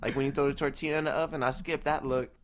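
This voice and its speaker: A man's voice: medium pitch, steady tone, racing. A man co-hosting a podcast, slangy, joking and profane in casual chat. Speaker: podcast co-host.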